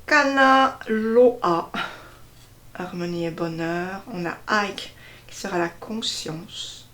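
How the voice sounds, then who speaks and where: Woman going through a card deck real slow, lowish voice, lots of ums. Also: steady tone, fairly bright tone. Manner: slow, hesitant, many fillers, stresses each card name. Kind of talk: casual card unboxing walkthrough.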